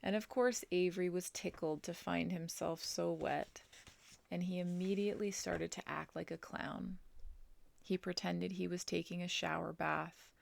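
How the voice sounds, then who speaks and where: A woman reading a children's novel aloud, slowly and gently, dropping to a whisper in quiet passages. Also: on the low side, steady tone, vocal fry. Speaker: storybook reader.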